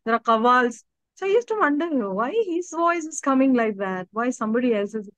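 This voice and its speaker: A woman's voice: on the high side, animated, normal speed, fairly bright tone, no room sound. A middle-aged woman with an Indian English accent, a vocal coach talking in an interview and demonstrating voice techniques. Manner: explains with sung and spoken demonstrations. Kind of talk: interview conversation.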